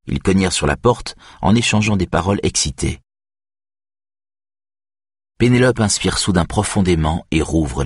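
Male narrator, very low voice, husky, steady audiobook reading, dry studio sound. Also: dry recording. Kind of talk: scripted narration of a thriller.

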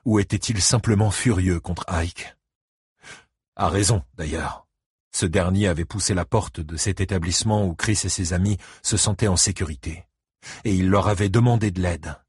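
A man narrating a novel as an audiobook, in steady storytelling. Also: low-pitched, moderate pace, husky, no echo, clean studio sound.

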